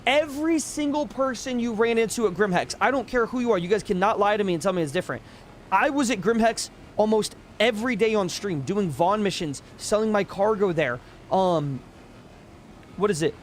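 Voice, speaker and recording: A man's voice: sits high, lively intonation, fairly quick, slight background noise. A young man live-streaming a game, ranting casually and emphatically, swearing freely.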